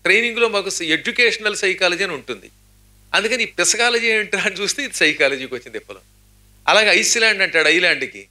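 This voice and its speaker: A man's voice: high-pitched, animated, fast talker, bright, forceful tone. A middle-aged man giving a spiritual discourse, chanting verses and then explaining them, with humorous asides that mimic how words get pronounced. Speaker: religious speaker.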